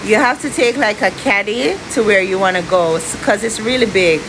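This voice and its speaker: A woman livestreamer chatting casually and explaining things informally to her viewers. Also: medium pitch. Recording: clear steady rushing background noise.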